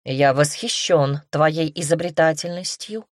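A composed male mentor with a dry, gently mocking wit, as a woman narrator puts him on. He speaks low and unhurried, amused and sure of himself. The audiobook voice sounds close and dry. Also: dry recording. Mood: wry. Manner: calm, wry, gently mocking.

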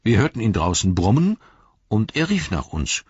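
Young hobbit storyteller read by a man, low and animated, husky. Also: normal speed, no echo, highs cut off. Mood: storytelling. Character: young male hobbit telling his story.

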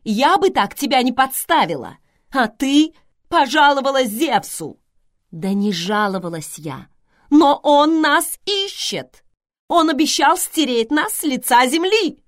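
A high, wildly swinging wail from a panicky female vampire on the edge of tears, put on by a woman reading a storybook. The recording is dry and close, with no room sound at all. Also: sing-song, a little slow, few pauses, dry recording. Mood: desperate. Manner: shrill, loud, near tears. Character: hysterical tearful female vampire.

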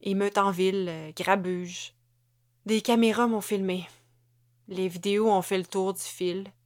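A woman's voice: medium pitch, fairly even intonation, measured pace, natural voice. A woman voicing a terse woman just fired. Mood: flat, shaken. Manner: clipped, terse sentences. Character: blunt, shaken woman just fired from her job. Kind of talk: audiobook character voice.

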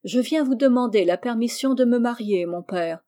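A woman voicing a calm, tender young prince in a read-aloud tale, speaking gently and with composure. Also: a little high, moderate pace, close to an everyday voice.

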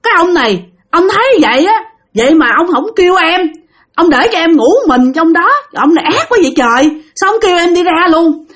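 A woman playing a shrill, indignant young man. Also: lively intonation, fairly quick. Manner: high-pitched scolding complaints. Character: startled young male hospital worker, shrill and indignant.

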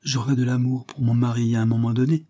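A man voicing a shy, flustered young noblewoman in a read-aloud novel, pitching his husky voice up for her replies. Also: level tone, quick pace, dark tone, close to an everyday voice. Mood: shy, earnest.

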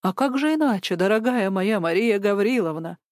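A woman's voice: mid-range voice, animated, slow pace, no echo, clean studio sound. A woman voicing a sly male district police officer whose friendliness is syrupy and put on. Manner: syrupy, mock-stern.

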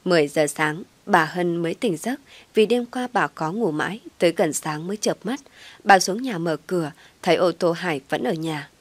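Brief: woman storyteller, low voice, dry close sound, steady narration. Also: normal speed, no echo.

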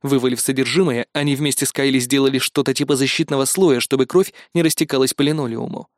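A man narrating an audiobook in a lively, ironic storytelling manner. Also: medium pitch, fast, no echo, studio quality. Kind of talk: audiobook reading.

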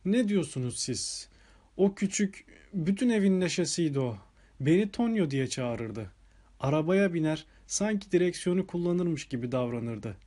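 A man reading an audiobook voices a burly, hot-tempered Italian chauffeur who protests loudly and defensively. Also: a little high, moderate pace, voice pushed up. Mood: tender grief. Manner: excitable, protesting, raising the voice.

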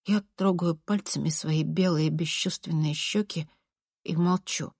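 Female audiobook narrator, measured, husky, dry studio sound. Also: deep voice, steady tone, a little mellow, no echo. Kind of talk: audiobook narration, first person.

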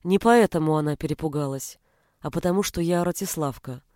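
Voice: medium pitch, normal speed, a little mellow, dry recording, studio quality, close to an everyday voice. A reader voicing a proud, hurt young peasant woman who speaks indignantly and coldly, in an audiobook. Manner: indignant, cold. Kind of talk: audiobook character reading.

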